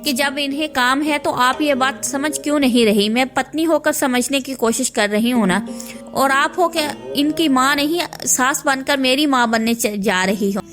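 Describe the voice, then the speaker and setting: A suspicious young bride from a cartoon story, voiced by a woman, sharp-tongued and quick to accuse her in-laws. Her voice is high, with faint music behind it. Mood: accusing. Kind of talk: animated story dubbing.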